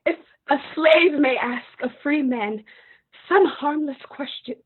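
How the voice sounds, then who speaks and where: A woman as a wailing old captive queen, high voice, slow heavy delivery, tinny phone-like sound. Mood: bitter pleading. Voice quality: crying, wailing lament. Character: old widowed enslaved queen, grief-stricken. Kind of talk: stage play reading.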